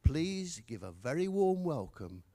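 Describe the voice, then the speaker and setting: A man's voice: a little high, sing-song, unhurried, dark tone, no room sound. A man hosting an art event who enthusiastically introduces the next artist on stage. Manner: enthusiastic, praising. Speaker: event host.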